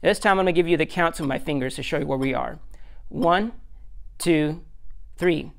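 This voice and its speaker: A man's voice: fairly high pitch, rapid-fire, gravelly. A man as a music teacher, giving a recorded lesson step by step, counting beats aloud in a patient, self-deprecating way.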